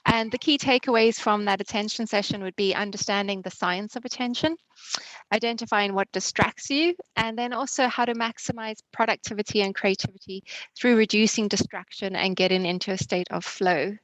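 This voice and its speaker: A woman's voice: medium pitch, steady tone, a little fast, a bit bright, dry recording, low-quality recording. A woman with a South African accent co-hosting an online wellness webinar and announcing upcoming sessions. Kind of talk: casual online webinar talk. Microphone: video call.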